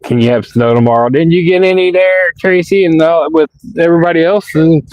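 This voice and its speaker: A man with a sore, hoarse voice, rambling casually as he chats with viewers on a live stream. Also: fairly high pitch, darkish tone, dry recording, rough recording. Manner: rambling, colloquial, answers chat comments. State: hoarse, sick with sore throat.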